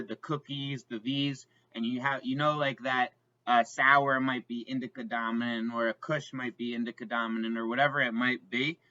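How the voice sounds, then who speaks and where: A man's voice: medium pitch, sharp tone, muffled recording. A man co-hosting a podcast in casual chat, rambling with lots of fillers and restarts. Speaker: podcast co-host.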